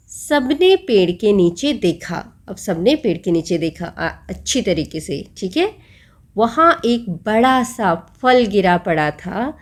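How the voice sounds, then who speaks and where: A woman teacher patiently explaining a children's textbook story, asking the class questions and answering them herself. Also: mid-range voice.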